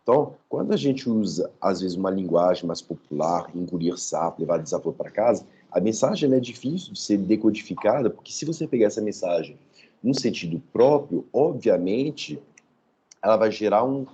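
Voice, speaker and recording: A man's voice: on the low side, warm tone, breathy edge, lo-fi sound. A man, a professor giving an online lecture from home, explaining step by step and checking in with his listeners. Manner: didactic, checks in with "tá?". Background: dog nearby.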